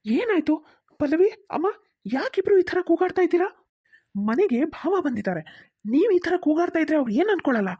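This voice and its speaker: A fair-minded grown son in a cartoon, voiced by a woman, who presses for answers in a firm, quick way. The voice sits high and the pace is fast. The sound is dry. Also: big pitch swings, dark tone, no room sound, highs cut off.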